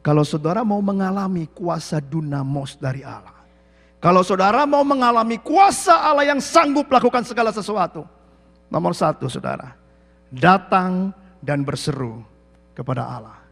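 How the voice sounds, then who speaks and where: A man preaching a sermon as pastor, animated, acting out the quotes, sometimes shouting, and mixing English phrases into his talk. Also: high-pitched, normal speed, vocal fry. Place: church hall. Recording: echoey church hall.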